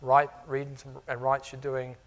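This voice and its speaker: Taking it slowly and with a completely flat delivery, a middle-aged man speaks at medium pitch during a conference presentation. He's a technology architect addressing customers before a live audience in a conference room, his New Zealand accent mixed with Australian, and his conversational style is full of "you know"s and "uh"s.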